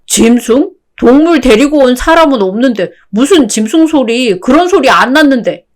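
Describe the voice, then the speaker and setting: A synthetic voice playing a careless husband, defensive, whiny, pleading questions, radio-drama style. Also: male voice, extremely high pitch, expressive, normal speed.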